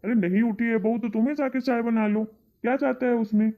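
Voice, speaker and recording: A performer playing a patient middle-aged husband and father in a family comedy sketch, who tries to calm his wife down. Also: medium pitch, a little fast, close to an everyday voice. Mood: placating. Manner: calm, placating, then fed-up. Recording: tinny phone-like audio.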